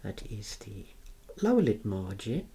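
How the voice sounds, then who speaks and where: This soft-whispering man leads a clinical ASMR role-play, demonstrating eye and head measurements with slow, careful guidance and gentle praise. He sounds lowish and husky, and very animated.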